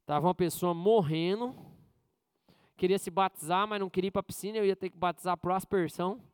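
With jokes, personal stories, and frequent questions to the congregation, a male pastor preaches conversationally, swinging between loud, high bursts and quiet asides. He speaks a little fast in a clean tone, with no echo.

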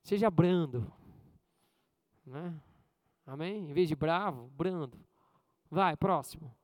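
Pastor preaching. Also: male voice, takes it slowly, dry recording. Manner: swings between loud high bursts and quiet low asides. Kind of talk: sermon.

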